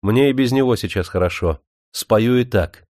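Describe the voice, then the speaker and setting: A man voicing a blind young Roma woman, tender and sorrowful, speaking softly and plaintively. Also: medium pitch, normal speed, no room sound, studio quality, close to an everyday voice. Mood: wistful. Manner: soft, plaintive.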